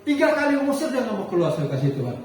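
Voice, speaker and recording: A man preaching a sermon as a pastor, telling a personal story in an animated way with frequent halting restarts. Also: very high voice, soft background music. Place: church hall. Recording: echoey hall, distant mic, faint noise.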